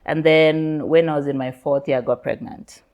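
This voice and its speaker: A Kenyan woman in her thirties with a low, grounded voice tells her own story as an interview guest. She is candid and laughs easily. She drifts in and out of Swahili slang as she talks. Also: fairly even intonation, moderate pace, muffled recording.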